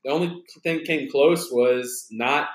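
Teasing young host. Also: male voice, medium pitch, takes it slowly, echoey room, a little hiss or hum, rough recording. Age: 20s. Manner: joking, teasing banter. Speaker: podcast host. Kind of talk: casual podcast chat.

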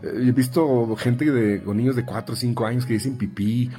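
A man's voice: steady tone, normal speed, dark tone, soft background music. A man with a Mexican Spanish accent, a speech therapist giving parents conversational advice in numbered tips, with many fillers and restarts. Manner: conversational, frequent fillers and repeats; acts out quoted parents and children in higher voices.

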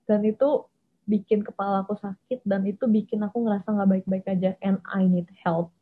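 A woman's voice: mid-range voice, steady tone, moderate pace, a little hiss or hum. A young woman candidly telling her personal story in a casual way, often mixing English phrases into her talk. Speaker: vlogger. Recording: tinny phone-like audio.

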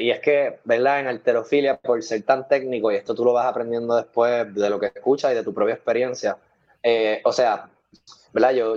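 A man telling stories from his weightlifting years in a casual interview. He is animated and laughs often, and he acts out the people he quotes. The recording sounds dull and lo-fi. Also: mid-range voice. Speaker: weightlifting athlete and guest.

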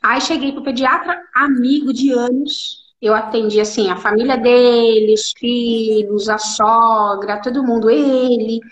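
A woman's voice: fairly high pitch, fairly even intonation, a little slow, few pauses, muffled recording. A woman in her forties, a clinical nutritionist, telling her story in an interview and acting out the dialogue she quotes. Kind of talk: interview conversation.

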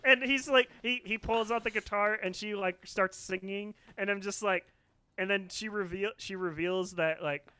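High, bright-voiced man rambling excitedly. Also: moderate pace, clear, resonant tone, no room sound. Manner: rambling, heavy use of filler "like"; excitable, emotional about films. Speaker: podcast co-host. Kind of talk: casual film discussion.

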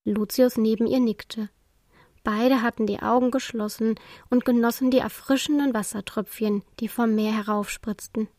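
Higher-voiced woman reading a storybook. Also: fairly even intonation, normal speed, a little mellow, dry recording. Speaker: narrator.

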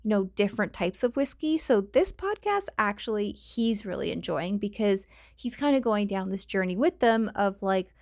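With a mid-range voice and lively intonation, a Canadian woman chats casually on her own podcast at a moderate pace, pausing little. Tangents and frequent laughter fill her rambling talk. There's no echo and the quality is studio-like, even though she's on a cheap home mic.

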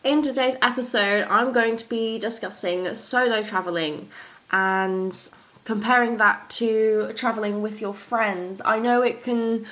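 A woman's voice: on the high side, unhurried, a bit bright, poor audio. Young woman hosting a chatty podcast. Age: young adult. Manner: chatty, informal, explanatory. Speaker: podcast host. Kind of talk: upbeat morning-show style podcast presenting.

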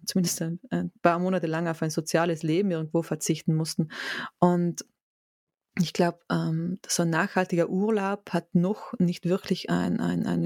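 South Tyrolean woman, hesitant and lowish. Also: a little mellow, no room sound, clean studio sound. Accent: South Tyrolean German. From South Tyrol, Italy. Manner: hesitant, many fillers and restarts. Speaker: guest, head of a bike hotel association. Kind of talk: casual interview talk.

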